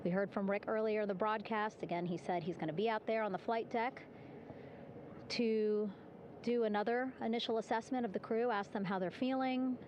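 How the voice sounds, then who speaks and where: A woman works as a broadcast commentator, narrating an event live in an upbeat, chatty and warm-hearted way with light laughter. She speaks at normal speed in a medium-pitched, fairly even voice, with background noise present.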